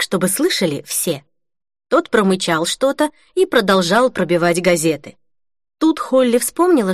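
A woman reading a novel aloud as an audiobook narrator, in an even, measured way. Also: mid-range voice, dry recording, studio quality. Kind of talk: scripted narration.

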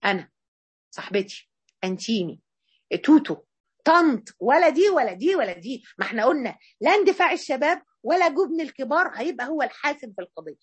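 A woman with an Egyptian accent giving a religious lesson in a colloquial, emphatic and animated way. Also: high-pitched, fast talker, dry recording. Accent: Egyptian Arabic. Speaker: female Islamic preacher.

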